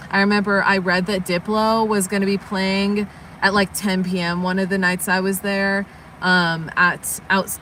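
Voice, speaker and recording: A woman's voice: fairly low pitch, fairly bright tone, a little hiss or hum. A young woman chatting casually on a livestream, rambling and yawning, sleepy and just woken up. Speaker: livestream vlogger.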